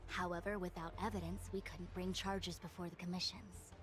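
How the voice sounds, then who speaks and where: A woman's voice: fairly low pitch, flat delivery, moderate pace, a little hiss or hum, close to an everyday voice. A woman as a stern, commanding diviner. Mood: stern, accusing. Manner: formal, declarative, commanding. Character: authoritative female master diviner, stern troop commander. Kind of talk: scripted video game dialogue.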